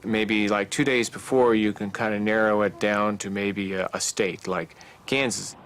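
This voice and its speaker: A man's voice: on the low side, fairly even intonation, normal speed, fairly bright tone, a little hiss or hum. An American man talking casually in an interview as a storm chaser.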